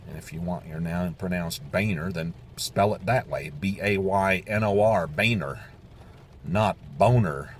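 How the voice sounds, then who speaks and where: A man's voice: sits low, unhurried, a little hiss or hum. A man delivering a sarcastic, mocking political rant, repeating words in a singsong way. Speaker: political commentator. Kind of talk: ranting monologue.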